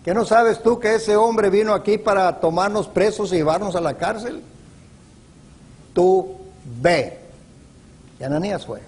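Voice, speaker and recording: A man preaching a sermon in a slow, emphatic way, with stressed words that rise sharply. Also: sits high, a little mellow. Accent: Latin American Spanish.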